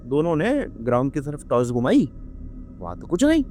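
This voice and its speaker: A young man narrates a horror story in lively, dramatic Hindi, his voice sitting a little high for a man. He acts out each character's lines, lifting and dropping his pitch sharply and dropping in English words. Faint music plays quietly behind him. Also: moderate pace. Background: faint background music.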